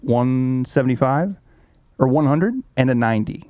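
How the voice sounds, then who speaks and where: A man's voice: mid-range voice, normal speed, dark tone, no echo. A man co-hosting a podcast, telling stories in easygoing casual chat with hesitant fillers. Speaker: podcast co-host.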